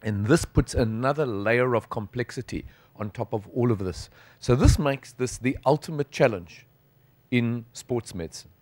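A middle-aged South African sports physician lectures at a conference from a lectern, his medium-pitched voice picked up by a lectern microphone with no echo. His delivery is conversational and emphatic, animated with gestures and marked by emphatic pauses on the conference hall stage.

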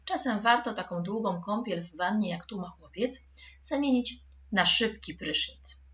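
A woman's voice: mid-range voice, measured pace, a bit bright, highs cut off. A woman teaching a recorded school lesson for children, patient and addressing the pupils directly.

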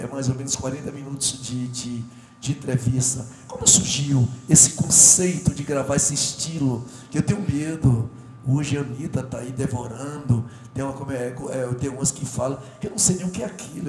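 This medium-pitched middle-aged man is a talk show host interviewing guests on a TV studio set, speaking into a lapel mic. His manner is effusive and rambling, full of jokes and shouts aimed at the crew. Echo fills the studio, and there's audible background noise.

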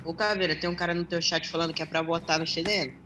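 A man's voice: fairly high pitch, fairly even intonation, quick pace, slight background noise. A Brazilian man chatting with the players, passing on comments from the stream chat. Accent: Brazilian Portuguese. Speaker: friend reading the stream chat. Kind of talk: casual chat. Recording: loud gunfire from the game behind the voice.

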